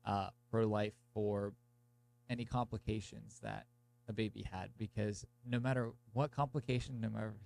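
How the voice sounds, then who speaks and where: A man's voice: on the low side, steady tone, moderate pace, gravelly, darkish tone, slight background noise. A young man hosting a podcast in a casual, meandering monologue, sounding congested, with a blocked nose and sore throat from a cold. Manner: informal, meandering, peppered with "like". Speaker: podcast host. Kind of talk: casual monologue to listeners, introducing an episode.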